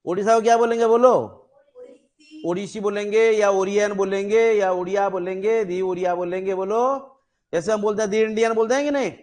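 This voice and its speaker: A man's voice: high-pitched, fairly quick, a little mellow. A man teaching a classroom grammar lesson, with an Indian English accent, explaining through many examples and often checking whether students understand.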